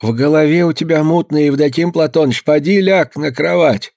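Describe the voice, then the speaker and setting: An actor playing a pious, respected old village elder who speaks reproachfully. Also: male voice, a little high, normal speed, gravelly, darkish tone, dry recording, studio quality. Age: older.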